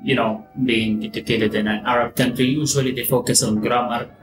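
A man in his forties from Gaza with a Palestinian Arabic accent, telling his personal story as an interview guest in halting, repeated phrases. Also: medium pitch, flat delivery. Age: 40s. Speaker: interview guest, real estate executive. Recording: roomy echo, guitar music behind.

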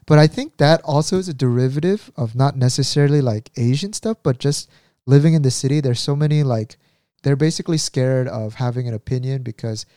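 A young man hosts a relaxed podcast conversation, chatty and laughing easily. His voice is warm and mellow. The recording is dry and close. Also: medium pitch, brisk, no echo. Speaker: podcast host. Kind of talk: casual podcast chat.

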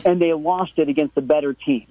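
A man's voice: fairly high pitch, dry recording. A man arguing a sports point over the phone on a radio show, often stumbling and repeating words. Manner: halting, repeats words as he argues. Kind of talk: sports debate on call-in radio. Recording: muffled phone line.

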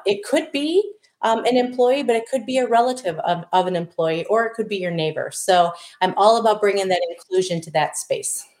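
Her mid-range voice has a slightly mellow quality as this middle-aged diversity consultant, from Wisconsin, USA and carrying its accent, talks casually as an interview guest. She's self-deprecating, often begins sentences again, and the room echoes.

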